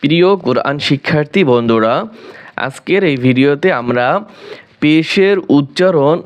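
A man teaching Quran letter sounds in a slow, deliberate spoken lesson, drilling each syllable and repeating it several times, with a Bangladeshi Bengali accent. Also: fairly high pitch, animated, clean tone.

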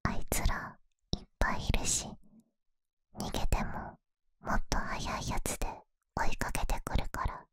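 A woman voicing a shy, affectionate young animal-eared girl in a whispered role-play, soft breathy bedtime pillow talk close to the microphone. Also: measured pace, pauses often, no room sound, close to an everyday voice. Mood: relieved, grateful. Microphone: close, dry microphone.

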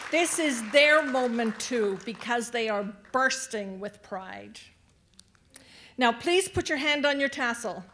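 At a graduation in a large venue, a woman from the adult education staff speaks from a podium microphone, warmly addressing graduates and giving instructions for the tassel ritual. Her voice is on the high side, animated and slow, with a little hiss or hum.

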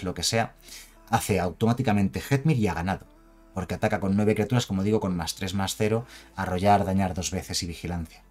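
A man's voice: low-pitched, darkish tone. A man with a Spain Spanish accent giving a chatty, emphatic card game review, with jokes and asides. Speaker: card game video creator. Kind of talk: casual card review commentary.

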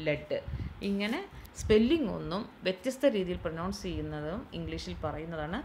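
Woman teacher, Malayali English accent, lower voice, spells words out, faint background noise. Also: low-quality recording. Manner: slow, repetitive, spells words out letter by letter. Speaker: instructor. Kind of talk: classroom lesson explaining English pronunciation. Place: training institute classroom.

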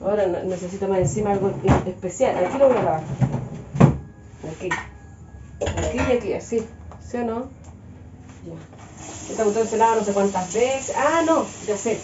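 A woman's voice: medium pitch, normal speed, pauses often, heavy background noise. A young adult woman with a Chilean accent chatting casually as she cooks at home, ranting in a joking, exasperated way. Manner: exasperated, joking rants with frequent laughs. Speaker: vlogger. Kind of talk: casual cooking vlog chat. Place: home kitchen. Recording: echoey, dull-sounding room.

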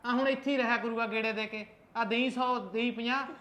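A woman's voice: a little high, steady tone, fairly quick, fairly bright tone, natural voice. A woman playing a short-tempered husband who nags and scolds his wife. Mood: scolding. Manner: nagging, scolding.

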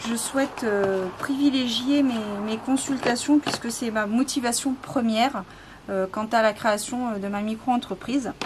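A woman showing items she sells in a casual video, speaking slowly with many fillers and self-corrections. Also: on the high side. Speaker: spiritual seller showing items for sale. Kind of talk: casual product show-and-tell. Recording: noisy home recording.

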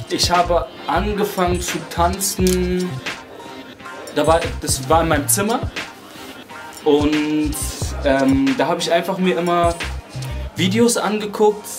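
A 21-year-old man and hip hop dancer, talking casually about his dancing in a relaxed, searching way with many fillers and restarts. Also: a little high. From Germany. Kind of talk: casual interview talk. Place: indoors beside a wooden wall. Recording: music playing under the voice.

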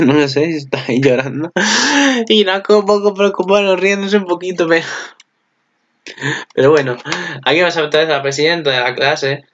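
A man giving casual commentary on an anime preview. He gets excited, laughs often and swears freely. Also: mid-range voice, dull audio. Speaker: anime channel host.

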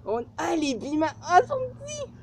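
A man's voice: very high-pitched, wildly swooping pitch, brisk. A young man with a Quebec French accent hosts a casual challenge vlog outdoors. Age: young adult. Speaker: vlog host. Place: outdoors in front of a shed. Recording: outdoor amateur camera, faint noise.

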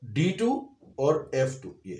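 A music teacher with a high-leaning, very animated voice gives a piano and vocal lesson at a slightly slow pace, explaining notes step by step and singing short phrases between explanations. Piano plays in the background, and the sound is roomy.

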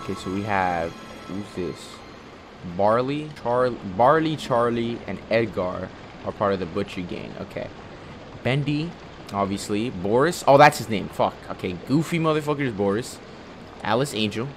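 A man's voice: on the low side, expressive, moderate pace. A young man giving casual, nervous gameplay commentary full of slang and swearing. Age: young adult. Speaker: gamer, host of a horror game playthrough. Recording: music behind the voice.

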